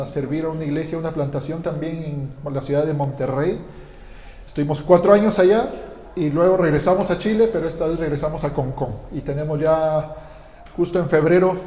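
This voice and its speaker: A Guatemalan pastor delivers a conversational sermon in a church hall, full of fillers and restarts. His voice is fairly high with a dark tone, and the echoey hall adds long reverb.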